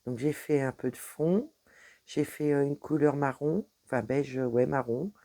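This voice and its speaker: Chatty french lady showing her stitching at her desk, kinda mellow, trips over words a lot. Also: very deep voice, a little slow. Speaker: cross-stitch vlogger. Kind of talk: casual show-and-tell vlog. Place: home office desk.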